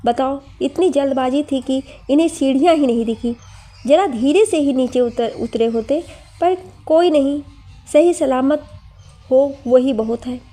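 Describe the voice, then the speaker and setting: A woman voicing a sharp-tongued young woman who scolds and mocks the people around her. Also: high voice, unhurried, faint music behind. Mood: bossy. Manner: scolding, mocking.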